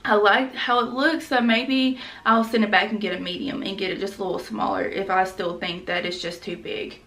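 A fashion vlogger, a young woman, chats frankly in a casual try-on haul video, peppering her talk with "like" and slang. Her medium-pitched voice is fairly bright and level in tone at a moderate pace. The mic is distant, since she speaks to a camera a few feet away in a small room at home.

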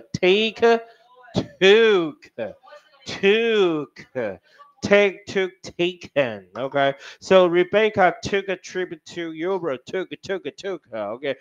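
A man runs an English class. His voice sits a little high. He jokes with and teases his pupils and spells words out letter by letter. The classroom recording sounds dull and lo-fi. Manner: joking, teasing students, spells words out letter by letter. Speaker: English teacher. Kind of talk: classroom lesson.

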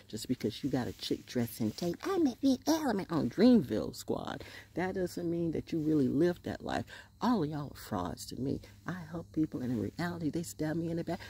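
A woman's voice: sits low, warm tone, slightly rough. A woman in her sixties giving a sassy, profane vlog monologue outdoors in the woods, speaking into a phone held close at arm's length, with whispered asides. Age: 60s. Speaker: vlogger. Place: outdoors on a wooden deck in woods.

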